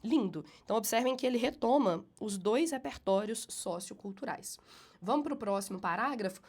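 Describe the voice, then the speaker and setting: This is an animated woman teacher, pitched on the high side, marking up a student's essay while nursing a cold that gives her a slight nasal sound. Passages get read aloud slowly with emphatic rises; the explanations come briskly.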